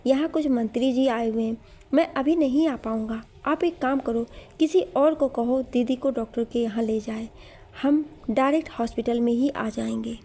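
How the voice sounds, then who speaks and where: Gentle loving father, voiced by a woman. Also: fairly high pitch, normal speed. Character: loving middle-aged father, gentle and protective.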